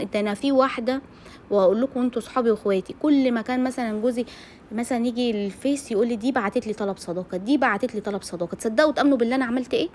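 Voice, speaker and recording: A woman vlogs from her home kitchen, chatting while she cooks and speaking straight and outspokenly to her female viewers in an Egyptian Arabic accent. Her voice is a little high, with a slight hiss or hum in the background.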